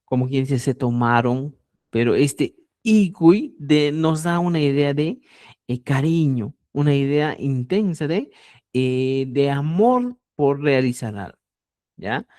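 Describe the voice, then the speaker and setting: In an online language lesson, a man explains patiently and frequently checks that students are following. His medium-pitched voice is animated and a little mellow, he takes his time, and the recording is dry and studio-clean.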